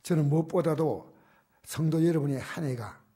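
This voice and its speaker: Older male pastor for a church sermon; dark, husky voice, loud urging that drops to near-whispers. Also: fairly high pitch, normal speed. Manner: shifts from loud emphatic exhortation to soft, near-whispered asides. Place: church sanctuary.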